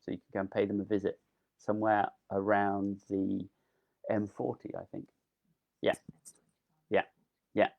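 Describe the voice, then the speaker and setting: A delphinium grower speaks in a low, monotone, creaky voice, a little slowly and with long pauses, in a recording whose highs are cut off. The live online gardening talk is casual and enthusiastic, heavy with ums, while his voice steadily weakens.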